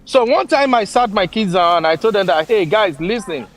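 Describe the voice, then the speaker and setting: Middle-aged Nigerian male, Yoruba accent, high-pitched, making points emphatically in casual talk. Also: animated, a little fast, fairly bright tone, faint music behind. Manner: emphatic, repeats words for stress. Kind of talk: casual discussion.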